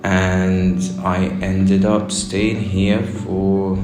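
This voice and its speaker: Deep-voiced man, echoey room. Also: completely flat delivery, drawn-out words, darkish tone. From East London. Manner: rambling, hesitant with frequent "uh". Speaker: English teacher. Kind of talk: casual interview answers. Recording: echoey room with music underneath.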